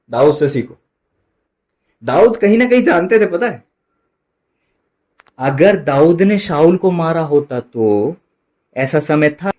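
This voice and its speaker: A man preaching a sermon, switching between loud emphatic bursts and quiet dropped asides, slowing right down for quoted lines. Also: on the high side. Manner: mixes in English phrases and slow drawn-out quotes. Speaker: pastor.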